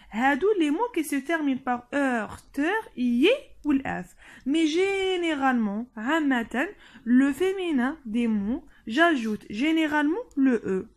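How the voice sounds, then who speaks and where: A woman teacher giving a French grammar lesson to children, mixing in Arabic, spelling words letter by letter and checking in often. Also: on the high side. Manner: switches between French and Algerian Arabic, spells words out slowly; repeats "d'accord, les enfants?" to check in. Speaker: primary school teacher.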